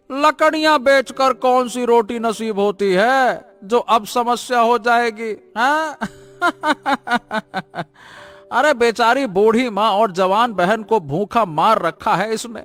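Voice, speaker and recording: A man's voice: very high-pitched, fairly bright tone, heavily acted. A man voicing a mocking male villager who taunts in a cartoon.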